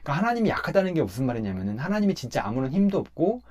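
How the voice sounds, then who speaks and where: This pastor's voice is a little high and his delivery rapid-fire as he talks through a Bible passage. He's relaxed and conversational, emphatic as he explains it step by step.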